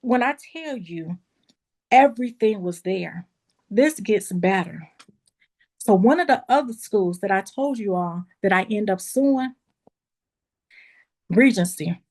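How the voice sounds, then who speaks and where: A woman's voice: mid-range voice, takes it slowly, pauses often. A woman who owns a beauty school, telling her story with feeling, talking straight to the group as y'all. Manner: animated storytelling, addresses listeners as y'all. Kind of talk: emotional testimonial storytelling.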